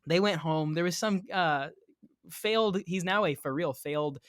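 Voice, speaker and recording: A man telling a story as a podcast guest in casual chat, animated and slangy, acting out the people he quotes. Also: fairly high pitch, moderate pace, no room sound, clean studio sound.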